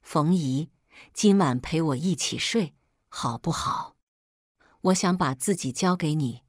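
A spoiled, taunting young woman who drips with coy mockery, put on by a woman reading a story. Her pitch swings up and down, and the recording is dry and close. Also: expressive, measured pace, dry recording. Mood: coaxing. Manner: coy and mocking.

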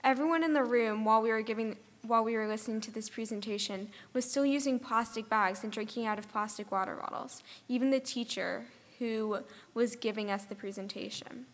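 A teenage girl and high school student reading a prepared speech at a podium in an earnest, steady way. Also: fairly quick, few pauses. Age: teens. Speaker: student speaker. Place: large conference ballroom. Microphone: podium microphone. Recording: long hall reverb.

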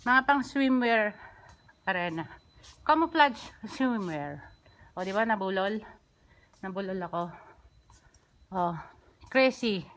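A woman's voice: medium pitch, lively intonation, slow pace, long pauses, fairly bright tone. Chatty woman touring a shop. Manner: chatty, upbeat, pointing things out to viewers. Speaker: shop worker giving a store tour. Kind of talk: casual walking vlog. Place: indoor shop and stockroom. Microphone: handheld phone.

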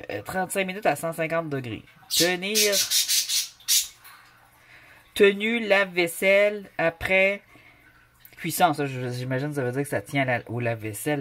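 A woman's voice: low voice, a bit bright, slight background noise. Chatty Québécois woman reviewing paint. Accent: Québécois French. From Canada. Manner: chatty, joking, reads labels aloud. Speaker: craft vlogger. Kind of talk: casual product review. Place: home, with a noisy pet bird.

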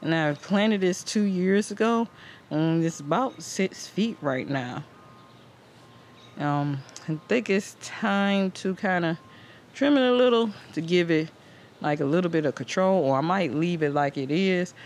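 The host of a home gardening channel, a man whose voice sits high and runs a little slow, gives a casual, rambling garden tour in a conversational style. It was filmed outdoors on a handheld camera, whose mic catches ambient noise.

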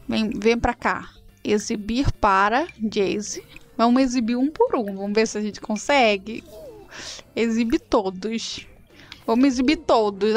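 A Brazilian woman casually commenting on a life-sim game, animated and dramatic, voicing her character's lines. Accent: Brazilian Portuguese. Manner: animated, swings into high dramatic outbursts. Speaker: gameplay streamer.

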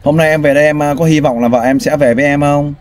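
A man's voice: on the high side, fairly even intonation, fast talker. A man hosting a street interview, prompting and sympathetic, often sighing. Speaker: host interviewing a family. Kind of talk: street interview, casual and caring.

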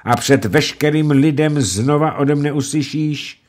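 A man voicing a calm, defiant captured soldier who speaks steadily and proudly. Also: on the high side, voice pushed up, lightly acted.

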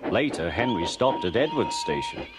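Expressive male storybook narrator. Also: lowish voice, normal speed, heavy background noise. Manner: expressive, dramatic. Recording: loud music behind.

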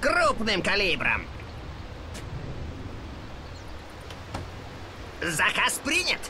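A woman's voice: medium pitch, wildly swooping pitch, unhurried, noisy background. A woman voicing a cocky, trigger-happy female sharpshooter hero with taunting lines in a video game. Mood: focused, taunting. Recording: loud game music over voice.

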